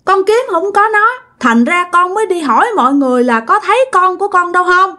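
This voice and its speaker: A woman voicing the ghost of a wronged young woman, pleading in a high, tearful wail. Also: very animated, normal speed. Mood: desperate.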